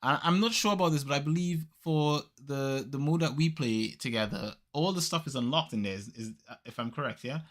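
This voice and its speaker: A man's voice: mid-range voice, brisk, hardly any pauses, fairly bright tone. A man hosting a podcast, talking casually and at length about games he plays with friends, with lots of fillers. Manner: rambling, filler-heavy, laid-back. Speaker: podcast host.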